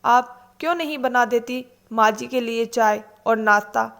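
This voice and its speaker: Woman reading a sharp-tongued daughter-in-law, sarcastic and snappy, fairly high voice; storybook. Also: a little slow.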